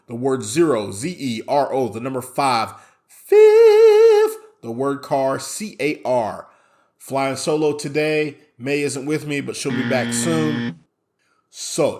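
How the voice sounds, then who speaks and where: A man with a nasal voice, stuffed up from a sinus infection, chatting casually as host of his own vlog. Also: mid-range voice. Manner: self-deprecating and chatty.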